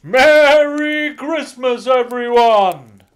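A man voicing a jolly old Santa Claus in a storybook reading, loud and hearty with drawn-out exclamations. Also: clear, resonant tone, full character voice. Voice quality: booming, loud.

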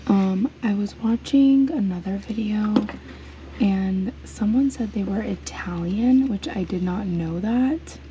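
In a casual shopping vlog filmed on a handheld camera, a woman reseller wanders an antique mall, admiring items and chatting with frequent ums. She talks slowly at a medium pitch, with a fan audible in the background.

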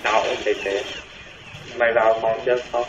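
A man's voice: on the low side, little pitch movement, noisy background. A young man teasing his friend in casual gaming chat. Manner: fast, teasing, dismissive. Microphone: voice chat mic. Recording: echoey, dull lo-fi voice chat.

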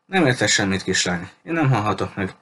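A man's voice: on the low side, lively intonation, a bit bright, slight background noise. Captain Spencer, a man voicing a menacing pirate captain. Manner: threatening, mocking, coldly polite. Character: cruel menacing male pirate captain, adult. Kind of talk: audiobook character reading.

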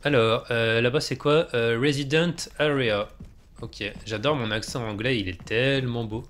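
A man's voice: medium pitch, moderate pace, fairly bright tone. A man casually commentating a video game he plays, joking and chatting with himself. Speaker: let's play gamer. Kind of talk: casual let's play commentary.

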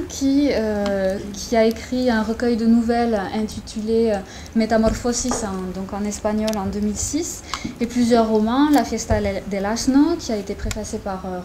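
A woman's voice: fairly high pitch, warm tone, slight background noise. Hesitant woman introducing a guest speaker. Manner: hesitant, many fillers and restarts. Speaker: academic presenter at a conference. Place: lecture room with students.

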